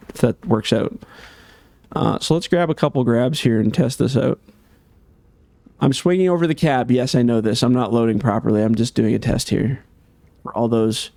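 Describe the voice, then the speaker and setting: A man giving casual gameplay commentary as a game modder, chatty and thinking aloud with many fillers, slightly hoarse. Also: mid-range voice, a little mellow, no room sound.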